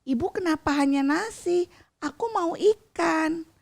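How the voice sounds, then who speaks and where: A woman's voice: extremely high pitch, measured pace, creaky, voice pushed up, heavily acted. A woman voicing whiny, hungry little children in a spoken folk tale, pleading for fish. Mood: whining. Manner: whining, pleading.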